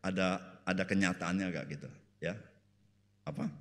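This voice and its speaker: A man with a Jakarta slang accent preaching a sermon in casual storytelling style, joking and breaking into high voices to act out the people in his stories. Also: moderate pace. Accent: Jakarta Indonesian slang. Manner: folksy storytelling, jokes, keeps saying "saudara". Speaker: pastor. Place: church. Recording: church sanctuary with long reverb.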